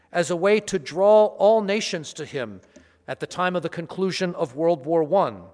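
Male priest, measured homily delivery, fairly high voice, long cathedral echo. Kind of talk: gospel reading and homily at Mass. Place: large church. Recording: long church hall reverb.

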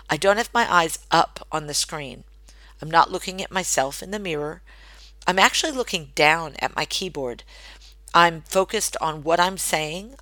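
A woman's voice: low-pitched, pushed and bright, dry recording, poor audio. A middle-aged woman hosting a solo podcast from her home office, coaching listeners in a direct, earnest, instructive way. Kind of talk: solo podcast training talk.

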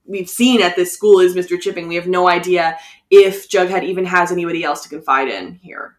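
A woman's voice: fairly low pitch, a little fast. Rambling woman in an echoey room. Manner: rambling, lots of "like". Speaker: podcast co-host. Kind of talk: casual chat. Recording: roomy echo.

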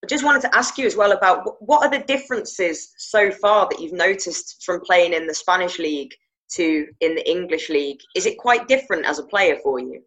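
A woman's voice: fairly low pitch, expressive, a little fast, a bit bright, poor audio. A woman interviewing a guest in a casual, chatty way.

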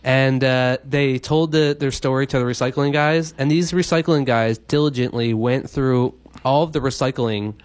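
A man's voice: medium pitch, normal speed, few pauses, no echo. A man co-hosting a morning radio show, telling a joking story in a rambling way with fillers. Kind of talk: casual comedic radio banter.

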